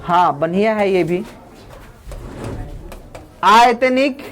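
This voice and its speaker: A physics teacher in a classroom, dictating definitions slowly and repeating phrases, quizzing the class and calling students friend. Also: medium pitch, lively intonation, fairly bright tone, slight background noise. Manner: asks the class questions and calls them friend.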